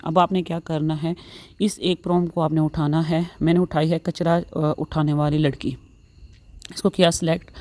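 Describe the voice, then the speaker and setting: A woman hosts a step-by-step tutorial, narrating in a low-sitting, dark voice captured in a dry recording. She repeats her instructions and mixes English words into her speech.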